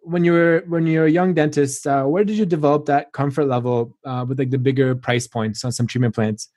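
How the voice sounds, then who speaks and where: A man's voice: medium pitch, fairly even intonation, brisk, a little mellow, no echo, clean studio sound. A male podcast host who is himself a dentist, laughing easily and asking long questions full of "like"s. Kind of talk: podcast interview.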